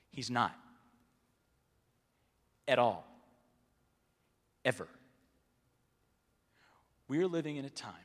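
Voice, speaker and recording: A man delivers a sermon at a middle pitch, sinking to near-hushed lines and then climbing to loud, emphatic ones. His voice carries the long reverb of a large hall. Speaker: preacher.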